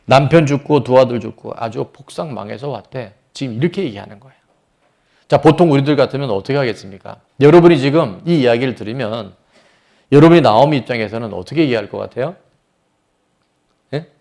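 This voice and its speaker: A man's voice: mid-range voice, animated, fairly quick, vocal fry, a little mellow. A man pastor preaching a sermon, asking the congregation questions and acting out voices from the story. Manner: asks the congregation questions and acts out quoted voices.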